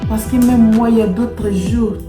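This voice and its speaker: A YouTuber with a Congolese French accent talks to her subscribers in a casual vlog, her voice slightly high with fairly even intonation and a moderate pace. She is emphatic, repetitive and playfully boastful, recorded in an echoey room with music playing behind her.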